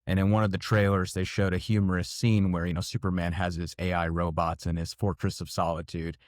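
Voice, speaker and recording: A man co-hosting a podcast, talking reflectively in casual conversation and getting lively when amused. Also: low voice, fairly quick, no echo, clean studio sound.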